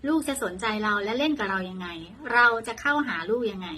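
A woman's voice: medium pitch, animated, brisk, sharp tone, a little hiss or hum. A woman presenting an ebook in a friendly promotional voice-over.

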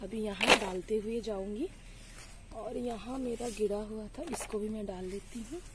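In a very noisy recording, a young woman talks at a measured pace in a medium-pitched voice. She's hot and pestered by sun and mosquitoes while giving a casual handheld-phone tour of her outdoor vegetable garden, chatting to viewers as friends with plenty of fillers.

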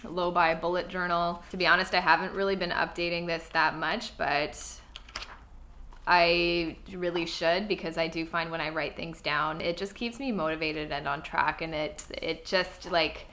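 In a home room with a clothing rack, a young style vlogger talks casually to camera, earnest and chatty, full of fillers and a little congested from a cold. Her fairly low voice is steady and sharp, at normal speed.

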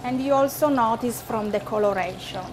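A woman's voice: a little high, normal speed, background noise. A woman chef in her thirties with an Italian accent, patiently explaining a dish in slightly broken English in a restaurant kitchen. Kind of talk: cooking demonstration. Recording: background music under the talk.

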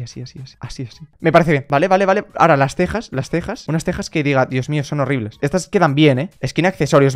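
A young Spanish-accented man talks fast through casual game commentary. His voice sits a bit high for a man, and he keeps repeating words in quick strings before jumping into sudden high-pitched shouts. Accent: Spain Spanish. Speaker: gaming content creator.

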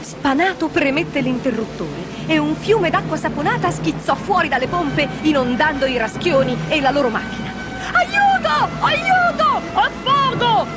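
Give me an animated woman reading a children's story aloud, with music playing underneath. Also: high voice, moderate pace, hardly any pauses. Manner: expressive, animated.

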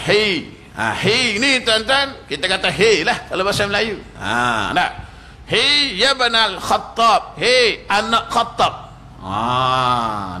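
Bright, animated Malaysian ustaz. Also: male voice, sits high, slight background noise. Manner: animated storytelling, acts out quoted speech. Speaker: religious teacher. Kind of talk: mosque lecture. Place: prayer hall.

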